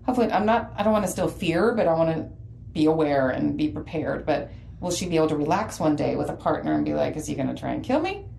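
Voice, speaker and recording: A woman's voice: low-pitched, animated, fast talker, creaky, mellow, slight background noise, low-quality recording. A woman in her forties, from Texas, co-hosting a podcast in casual chat and talking in a loose way with many fillers and restarts. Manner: conversational, with many fillers and self-corrections. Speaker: podcast co-host.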